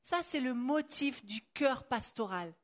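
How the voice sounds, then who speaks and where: High pitched woman translating a sermon line by line, some ums and restarts. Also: expressive, unhurried. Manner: translates phrase by phrase, with fillers and self-corrections. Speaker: interpreter. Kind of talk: live sermon interpreting.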